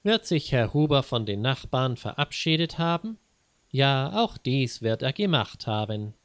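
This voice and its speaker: A man's voice: medium pitch, animated, measured pace, no echo. Wry man narrating a grammar lesson story. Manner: didactic, wry. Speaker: language teacher.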